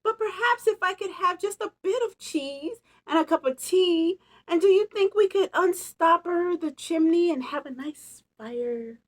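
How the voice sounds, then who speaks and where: A woman voicing a small, polite gray mouse in a storybook, courteous and gently coaxing. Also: very high-pitched, lively intonation, measured pace, hardly any pauses, voice pushed up, poor audio. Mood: politely pleading.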